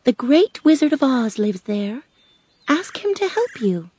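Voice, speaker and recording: A woman's voice: high-pitched, very animated, unhurried, dark tone, a little hiss or hum, pitched above the performer's own voice. A woman voicing a kindly, cheerful little old witch in a storybook, gracious and reassuring in manner. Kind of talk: storybook character voice.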